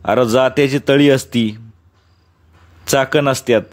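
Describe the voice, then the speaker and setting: A man's voice: medium pitch, steady tone, a little slow, lightly acted. A man voicing a quarrelsome, superstitious old village man in rustic dialect. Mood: argumentative. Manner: rustic, argumentative dialect speech.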